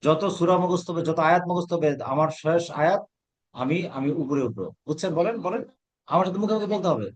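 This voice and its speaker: A man leads a Quran reading class, firing questions at his pupils and repeating each answer so they say it back. His voice sits a little higher than most men's. He corrects their pronunciation one sound at a time. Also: fast. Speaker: Quran teacher. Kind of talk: teaching a class, call and response.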